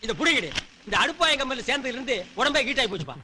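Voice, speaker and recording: A man's voice: extremely high pitch, sing-song, rapid-fire, background noise. A man delivering film comedy dialogue, rambling and mocking as he complains to his friends.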